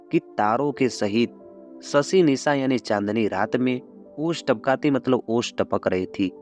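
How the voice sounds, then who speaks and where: A man teaching a class, explaining a poem line by line and going over each phrase again in simple words. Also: medium pitch. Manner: explains slowly, repeating phrases with yaani and matlab. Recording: dull lo-fi sound with soft background music.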